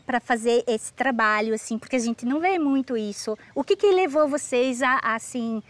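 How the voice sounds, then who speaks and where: A woman's voice: on the high side, animated, moderate pace, lightly acted. A woman playing Fiorella, a chatty clown cook in a nonna costume, hosting a comic farm interview outdoors. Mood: curious. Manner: bubbly, rambling, sing-song questions. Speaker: show host in character.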